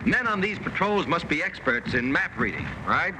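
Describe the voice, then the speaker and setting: A man narrating an old 1940s newsreel, briskly prompting his fellow narrator with questions. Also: fairly high pitch, very animated, noisy background.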